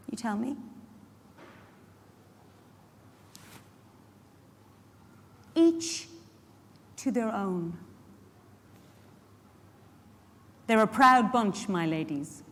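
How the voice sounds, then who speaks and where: A fairly high-pitched actor with an Irish accent plays a feisty, protective care worker in a live monologue. She keeps it wry, chatty and conversational, often turning to the audience with rhetorical questions. The recording comes from a live reading in a large indoor hall with lots of echo.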